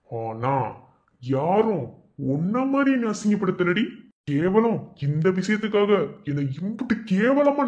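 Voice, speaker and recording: A spiteful, scheming village husband with a Madurai Tamil accent, voiced by a man, muttering low threats in a cartoon. The voice is fairly high for a man. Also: darkish tone, lo-fi sound, natural voice. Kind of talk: cartoon voice acting.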